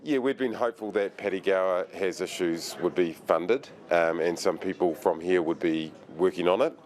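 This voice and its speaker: A man's voice: low-pitched, moderate pace, a little mellow. A man with a New Zealand accent speaking casually in an interview.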